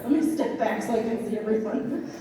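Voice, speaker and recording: A woman's voice: on the high side, mellow. Bubbly woman auctioneer, playful and teasing, rattling off bids, recorded far away in a big reverberant hall. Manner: playful, joking, chanting bids in quick repeats. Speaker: volunteer charity auctioneer. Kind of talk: live fundraiser auction calling. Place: large event hall at a fundraiser.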